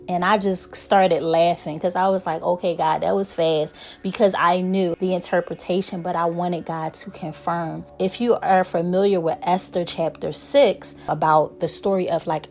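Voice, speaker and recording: A woman preaching informally and conversationally, retelling stories in an animated, colloquial way and speaking straight to her listeners. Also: on the low side. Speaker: online preacher sharing a prophetic word. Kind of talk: informal sermon, storytelling to camera.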